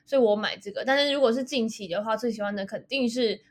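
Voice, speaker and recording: A woman co-hosting a casual podcast chat with a sharp, quacking duck-like voice, speaking playfully and teasing herself. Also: a little high, fast. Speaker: podcast co-host.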